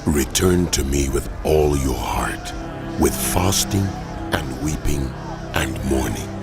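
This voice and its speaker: An actor playing God as a mighty, commanding deity in a dramatized scripture reading, solemn, weighty and deliberate. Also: male voice, very deep voice, loud music behind the voice, heavily acted. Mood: solemn pleading.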